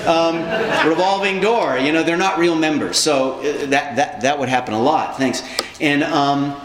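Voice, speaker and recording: A man's voice: a little high, a little slow, crowd noise. A man telling stories about his years of political organizing in a conversational way, now and then acting out the people he met. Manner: animated, acts out quoted people. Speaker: socialist activist recounting past organizing. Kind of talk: conversational storytelling. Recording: echoey room, faint background ambience.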